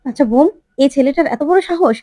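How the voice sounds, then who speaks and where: A woman reading the lines of a scheming, domineering eldest sister-in-law in a retold TV serial, in a sharp, commanding tone. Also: high-pitched, expressive, quick pace, dry recording, studio quality, voice pushed up. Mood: bossy.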